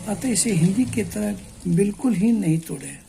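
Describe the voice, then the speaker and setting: Slow, patient woman teaching, mellow tone. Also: mid-range voice, expressive, creaky, a little hiss or hum. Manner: slow, explanatory, repeats words syllable by syllable. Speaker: English teacher. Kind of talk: spoken Hindi language lesson.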